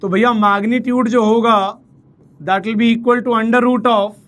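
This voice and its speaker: High-voiced man teaching math playfully. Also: fairly even intonation, slow, a bit bright. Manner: chatty, playful, talks to students as "bhai"; counts steps aloud while drawing. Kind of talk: casual Hinglish math lecture.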